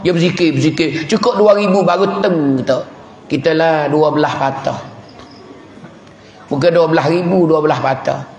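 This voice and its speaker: A religious teacher from southern Thailand with a Patani Malay accent gives a sermon in a village mosque hall, telling stories with chuckles and chanting prayers. His voice is a little high and a little mellow at a moderate pace, recorded from a distance in an echoey hall with slight background noise.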